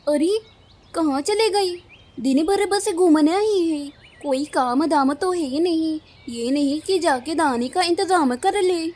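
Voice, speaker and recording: A woman's voice: very high-pitched, slow, darkish tone. A woman voicing a grumpy, nagging female crow in a cartoon, scolding and complaining.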